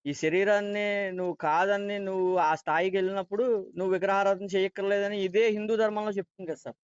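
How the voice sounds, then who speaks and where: A man's voice: sits high, fairly even intonation, fast, clean tone, dry recording. A man speaking politely and deferentially, often addressing the other speaker as sir and murmuring agreement. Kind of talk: interview conversation. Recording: dry, dull lo-fi recording.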